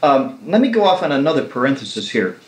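Interviewer on an old echoey tape. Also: male voice, mid-range voice, very animated, quick pace. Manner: reflective, long winding literary remarks. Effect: old 1969 tape recording. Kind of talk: conversational discussion. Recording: roomy old tape recording.

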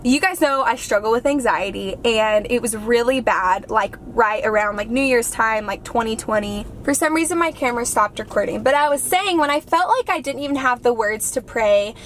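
A young woman vlogger in her twenties chats casually to a dashboard camera from inside a parked car, gushing in a heartfelt way and saying "like" constantly. Her voice is fairly high and a bit bright, at a moderate pace with few pauses. There is a little hiss or hum.

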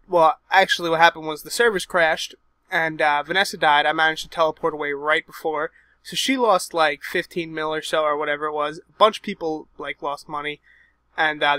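A man's voice: fairly high pitch, pushed and bright, no echo. A young man talking casually over his gameplay footage into a desk mic, loose and full of swearing and frustrated asides. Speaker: gaming video host. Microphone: desk microphone.

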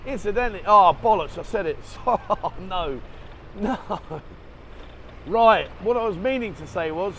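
A high-pitched, fairly bright male voice with lively intonation and a slightly slow pace delivers casual, rambling commentary peppered with swearing. The vlogger rides a motorbike through town in the rain, action camera in hand, as traffic and street noise fill the background.

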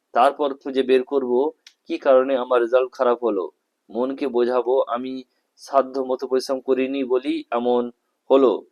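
A male private tutor with a West Bengal Bengali accent reads out answers for students. He breaks each sentence into short, halting pieces and lists single words one by one, each one stressed, with a mid-pitched voice. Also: a little mellow, muffled recording. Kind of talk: reading exam answers aloud.

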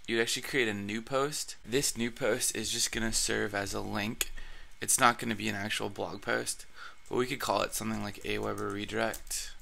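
A man's lowish voice, pushed and bright, carries a screen-recorded blogging tutorial. Allergies leave him raspy, and his casual talk is full of fillers and restarts.

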